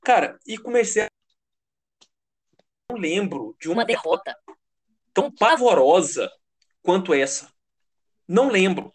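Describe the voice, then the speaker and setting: A man's voice: high-pitched, sing-song, unhurried, pauses often. A man with a Brazilian Portuguese accent in casual, heated sports chat, slangy and emphatic, swearing and repeating phrases for emphasis. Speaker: American football fan commentator.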